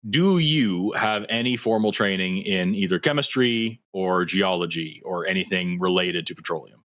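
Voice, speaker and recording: A male talk show host questioning a caller, pressing for clear answers. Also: low-pitched, moderate pace, a bit bright. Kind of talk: call-in debate.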